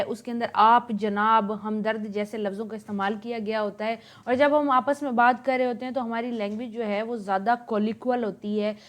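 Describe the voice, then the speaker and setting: A woman gives a lecture. She explains each term step by step and mixes English words into her speech. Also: a little high. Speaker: teacher.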